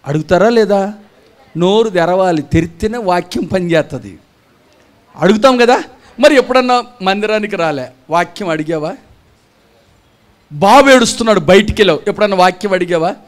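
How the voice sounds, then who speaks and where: At a church gathering, a pastor preaches a gospel sermon, scolding the congregation with rhetorical questions and mocking impressions of churchgoers. His voice is high with lively intonation. He speaks at a moderate pace with long pauses.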